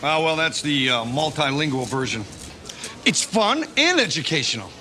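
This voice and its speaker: An actor playing a flustered male toy store worker in a movie, speaking in hurried, apologetic sales patter. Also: on the high side, big pitch swings, bright, forceful tone. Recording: movie clip with noisy background.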